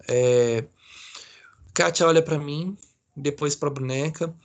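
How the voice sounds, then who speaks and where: A man's voice: fairly high pitch, slow pace. A male psychology lecturer with a Brazilian accent, reading a case aloud to an online class in a casual way, full of fillers and check-ins. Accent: Brazilian Portuguese.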